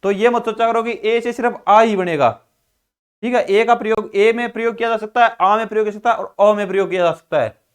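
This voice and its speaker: A man's voice: sits high, steady tone, brisk, smooth. A man teaches a class. He asks questions and answers them himself, and keeps saying "ठीक है भाई" as he explains each point. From Haryana, India. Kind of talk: classroom lecture explaining English pronunciation.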